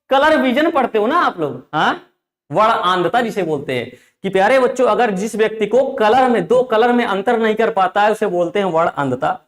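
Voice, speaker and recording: In an echoey room, a man with a high, fairly bright voice teaches an online class. As an online tutor, he speaks emphatically, repeats his phrases, and often calls the students "dear children".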